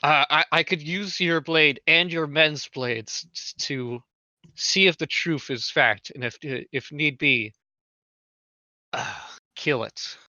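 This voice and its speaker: A man voicing a calm, commanding female archmage who talks in a formal, measured way, in a dull lo-fi recording. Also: a little high, no room sound, full character voice.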